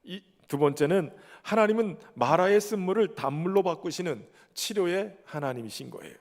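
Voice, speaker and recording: A male pastor with a notably high voice delivers a sermon, putting questions to the congregation and answering them himself. His voice rings out with a long reverb that trails through the church sanctuary. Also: expressive, moderate pace.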